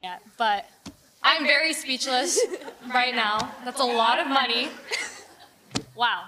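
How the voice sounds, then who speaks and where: A woman's voice: a little high, slow pace, noisy background. A young woman, a student MC, giving a speech at a podium microphone. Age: young adult. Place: outdoor courtyard event, at a podium.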